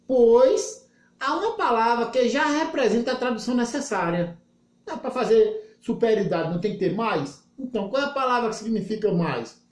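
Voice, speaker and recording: A man's voice: high-pitched, darkish tone, reverberant. A male English teacher giving a recorded lesson, explaining step by step with folksy examples and checking in with the class often.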